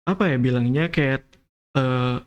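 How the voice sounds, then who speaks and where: A young man from Indonesia, a podcast guest, telling of his studies abroad in a relaxed, hesitant way full of fillers. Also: medium pitch, a little slow, clean tone, muffled recording. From Tasikmalaya, Indonesia. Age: young adult. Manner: relaxed, hesitant, many fillers and "kayak gitu". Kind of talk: casual podcast interview.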